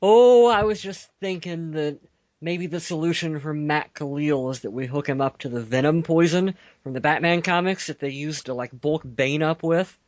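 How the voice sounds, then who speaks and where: A man's voice: a little high, moderate pace, dry recording. A man co-hosting a sports podcast, rambling and joking and correcting himself as he goes. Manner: rambling, jokey, self-correcting. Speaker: podcast co-host. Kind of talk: casual sports chat. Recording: dull lo-fi podcast audio.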